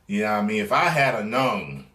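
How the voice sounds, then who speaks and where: Deep-voiced animated man in echoey room. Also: brisk. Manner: animated, rambling, acts out scenes in voices. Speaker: movie trailer reviewer. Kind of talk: casual profane video review.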